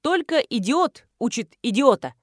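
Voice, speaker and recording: A scornful adult raven from an audiobook, as a woman narrator puts him on, snapping out short insults. The voice swings lively up and down and sits dry and close. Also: on the high side, unhurried, breathy edge, no room sound, full character voice. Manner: curt repeated squawked insults. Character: rude talking adult raven, blunt.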